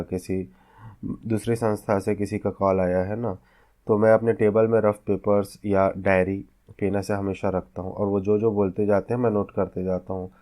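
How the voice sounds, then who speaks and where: A man's voice: on the low side, darkish tone. A man teaching a vocational class, explaining step by step and often checking whether students follow. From India. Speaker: vocational instructor. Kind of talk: classroom lecture.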